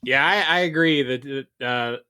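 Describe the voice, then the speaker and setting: Eager, bright-voiced podcast man. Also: mid-range voice, moderate pace, clean tone. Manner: eager, laughs easily. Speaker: podcast co-host. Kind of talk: casual chat.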